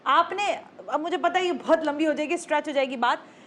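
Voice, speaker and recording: A woman hosts a TV talk show in a high voice. She probes her guest, cutting in with short questions and pushback. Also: fairly bright tone, a little hiss or hum. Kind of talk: TV interview.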